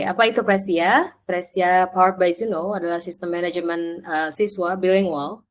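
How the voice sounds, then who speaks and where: A woman presenting a business webinar, reading prepared points in a businesslike way with small stumbles. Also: on the low side. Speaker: education partnership and marketing manager, presenter.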